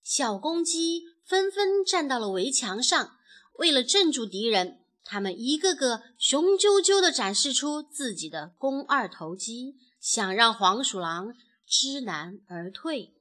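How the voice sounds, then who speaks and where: A woman, a mother, narrating a children's storybook in an expressive, animated way. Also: high-pitched, measured pace.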